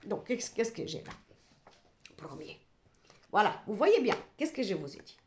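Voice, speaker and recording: A woman working as a clairvoyant, reading cards for her viewers in an animated, expressive way with exasperated comic asides. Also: mid-range voice, a little slow, a little hiss or hum. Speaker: clairvoyant card reader. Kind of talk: card reading addressed to viewers. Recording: roomy echo.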